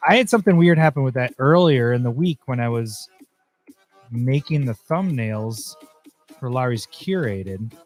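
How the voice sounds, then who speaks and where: While editing on a livestream, a male host chats casually in an unhurried, medium-pitched voice with lively intonation. He's slightly hoarse, losing his voice, and thinks aloud, easily annoyed and grumbling when things go wrong, as faint music plays quietly behind him.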